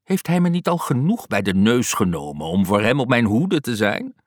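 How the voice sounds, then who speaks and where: A man voicing a fussy, soft-hearted old aunt who scolds in a shrill, exasperated way, in an audiobook reading. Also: big pitch swings, normal speed, no echo, clean studio sound.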